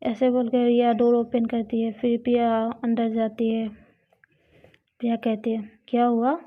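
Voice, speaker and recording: A woman narrating a love story in a plain, unhurried telling. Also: on the high side, monotone. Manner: slow, plain retelling. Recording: dull lo-fi recording.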